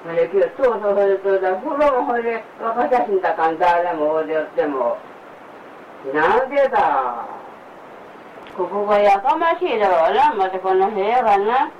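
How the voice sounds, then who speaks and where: A woman's voice: mid-range voice, animated, moderate pace, darkish tone, far from the mic. Older woman, grumbling and repetitive, caught from across the room on a dull, faintly noisy home recording. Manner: grumbling, repeating complaints.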